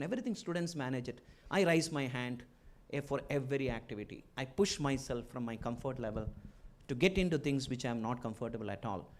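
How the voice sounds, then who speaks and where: Middle-aged man with a strong Malayali accent. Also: medium pitch. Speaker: guest speaker, entrepreneur and former chief executive. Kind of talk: inaugural motivational address to students.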